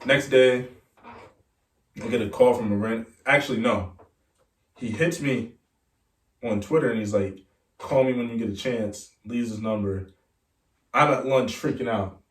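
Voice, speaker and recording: Speaking a little slowly with frequent pauses, a young college football player with a mid-range voice tells casual stories as a podcast guest. He animatedly acts out the people's voices, and the audio carries room echo from a distant mic.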